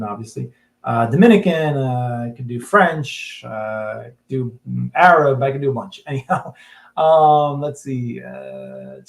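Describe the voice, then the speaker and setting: A man with a slightly high voice hosts a casual livestream and comments on artwork. He rambles along in a chatty way and keeps restarting his sentences. The room around him is echoey. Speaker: host.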